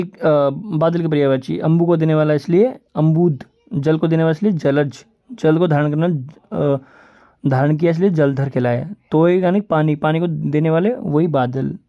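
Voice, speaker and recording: In a muffled recording, a man whose voice sits on the high side teaches exam vocabulary in Rajasthani-accented Hindi. He moves rapidly through word lists, repeating "ठीक है" and "बोलते हैं", and speaks to viewers as "दोस्तों" and "भाई".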